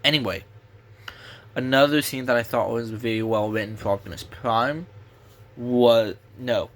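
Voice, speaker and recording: A young man talks through a casual movie review with a sore throat. His voice sits at an ordinary middle pitch. He rambles, restarts his sentences and swears in passing. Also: fairly even intonation, a little slow.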